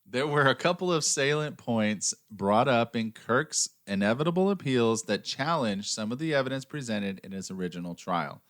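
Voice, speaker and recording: A man's voice: medium pitch, expressive, normal speed, few pauses, a bit bright. An American man hosting a true-crime podcast, reading scripted narration in a dry, sarcastic way between banter. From United States. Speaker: podcast host.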